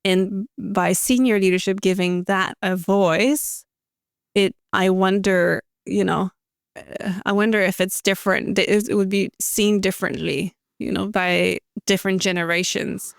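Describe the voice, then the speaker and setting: A woman's voice: medium pitch, steady tone, measured pace, vocal fry, clear, resonant tone, no room sound, studio quality. A woman as a guest on a podcast, talking thoughtfully about leadership and often searching for her words. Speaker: podcast guest, HR and culture consultant. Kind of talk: conversational interview.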